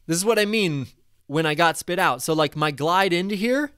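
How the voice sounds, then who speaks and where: Excited man narrating his flight. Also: on the high side, normal speed, clean tone, no room sound, studio quality. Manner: enthusiastic, casual, swears when excited. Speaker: paragliding vlogger. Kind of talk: flight-report commentary over map replay. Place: small indoor room at a desk. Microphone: desk microphone in front.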